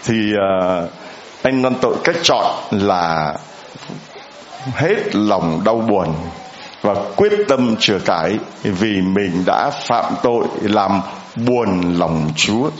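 A man's voice: lowish voice, expressive, slow, lo-fi sound, slight background noise. Man priest preaching in an echoey church. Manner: conversational, asks the congregation questions. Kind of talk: homily.

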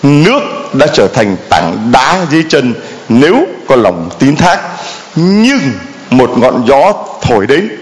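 A man's voice: mid-range voice, very animated, slow. A man preaching a sermon as a priest, telling the story dramatically and animatedly, with sound effects.

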